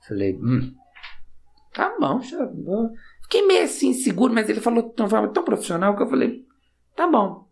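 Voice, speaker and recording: A man with a Brazilian Portuguese accent telling a casual, self-mocking story to camera, acting out each side of the conversation with sudden jumps in pitch. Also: quick pace, gravelly. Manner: animated, acts out dialogue with sudden pitch jumps.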